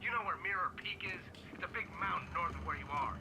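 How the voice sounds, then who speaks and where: Brief: high, gravelly kidnapper in a game, threatening, over a noisy phone line. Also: male voice, quick pace. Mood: menacing. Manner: threatening, clipped. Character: menacing male kidnapper on the phone.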